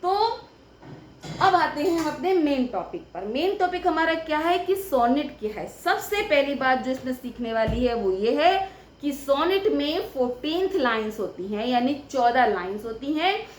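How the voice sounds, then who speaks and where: A young woman with a high voice teaches a grammar lesson. She breaks each point into small steps and keeps checking that her students follow. The room is echoey, with a faint hiss behind her. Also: big pitch swings, unhurried. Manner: explains step by step, often checks with "ठीक है". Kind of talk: explaining a lesson at a board.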